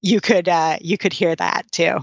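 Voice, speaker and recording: A woman's voice: lowish voice, steady tone, normal speed, slightly rough, dry recording. A woman chatting casually as an interview guest, self-deprecating, with slightly slurred, slushy sh-like s sounds. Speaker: podcast guest, author and blogger. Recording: dull lo-fi sound.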